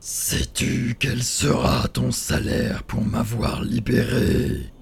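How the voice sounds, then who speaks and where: A man voicing a huge, menacing male spirit freed from a bottle, drawing out his threats slowly and loudly. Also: very animated, vocal fry, slightly rough, heavily acted. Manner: slow, booming, drawn-out threats.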